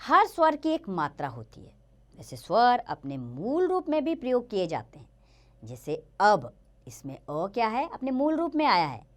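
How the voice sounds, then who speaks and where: A woman gives a grammar lesson for children in a lively, up-and-down voice. She explains patiently and draws out each example word slowly and clearly. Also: mid-range voice. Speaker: teacher.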